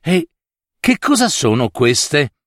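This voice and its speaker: A man's voice: a little high, very animated, slow, fairly bright tone, dry recording, clean studio sound, full character voice. A man voicing an earnest young prince in a fairy tale reading, speaking with wonder.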